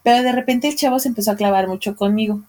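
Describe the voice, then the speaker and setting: A Mexican woman tells a story on a podcast in a relaxed, chatty tone. Her voice sits at a medium pitch, and she stays lively, laughing and imitating the people she talks about. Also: rapid-fire. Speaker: podcast co-host. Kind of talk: casual chat, storytelling.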